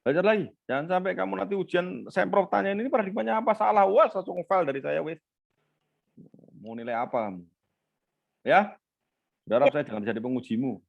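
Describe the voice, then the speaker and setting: A man's voice: sits high, brisk, vocal fry, long pauses, dull audio. A male lecturer, teaching an online class and teasingly quizzing students by name.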